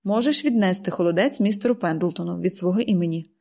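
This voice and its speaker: A woman's voice: lowish voice, expressive, fast talker, warm tone. A woman reading an audiobook, voicing a cold, stern middle-aged aunt who speaks curtly. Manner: cold, curt. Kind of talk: audiobook character voice.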